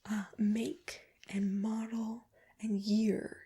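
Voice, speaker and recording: Whispering woman in a soft ASMR whispered role-play. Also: medium pitch, little pitch movement, extremely slow. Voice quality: breathy, whispered. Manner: gentle, reassuring personal attention. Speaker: ASMR performer playing an ear examiner.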